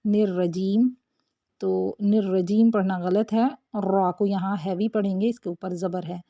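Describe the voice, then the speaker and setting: A woman's voice: mid-range voice, fairly even intonation, vocal fry. A woman teaching Quran recitation, patiently drawing out syllables one by one to show how they are said. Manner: patient, slow drawn-out syllable demonstrations. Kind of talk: tajweed lesson. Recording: dull lo-fi recording.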